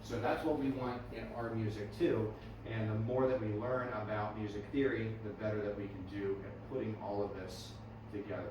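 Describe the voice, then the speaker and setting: Recorded from a distance in an echoey music classroom with background noise, a man leads a music theory workshop, peppering students with friendly questions and frequent "right?" and "okay." His lowish voice is steady, fairly quick, with hardly any pauses.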